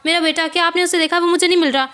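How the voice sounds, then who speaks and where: A woman's voice: very high voice, steady tone, rapid-fire, sharp tone, voice pushed up. A woman voicing a desperate young mother who pleads for help to find her lost son. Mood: pleading. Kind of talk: novel reading.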